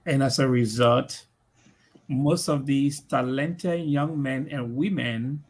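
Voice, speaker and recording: A middle-aged Liberian man answering interview questions slowly, pausing often with "uh". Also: mid-range voice, steady tone, a little mellow. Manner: slow, measured, with many "uh" pauses. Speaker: guest, community leader.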